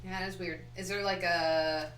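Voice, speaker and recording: A woman co-hosting a live stream in playful, jokey chat, her voice booming with a big room echo. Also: fairly even intonation, moderate pace, slight background noise. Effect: booming roomy echo, as in a big hall. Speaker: stream co-host. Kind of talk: casual chat during a live pinball stream. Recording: echoey boomy room, distant mic, loud music.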